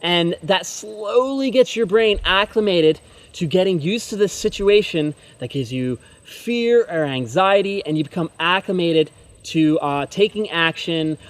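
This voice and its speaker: A man presenting a self-help video lesson straight to the viewer, talking conversationally and checking in with "okay?" as he goes. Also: high-pitched. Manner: conversational, tags lines with "okay?", speeds up on key points. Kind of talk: motivational lesson, direct address.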